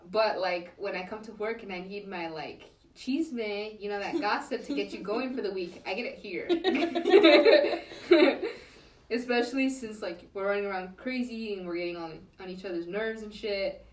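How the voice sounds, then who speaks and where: A woman's voice: mid-range voice, normal speed, recorded from a distance. A woman chatting casually as a podcast guest, laid-back and laughing between phrases. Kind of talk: casual chat. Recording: echoey room, away from the mic.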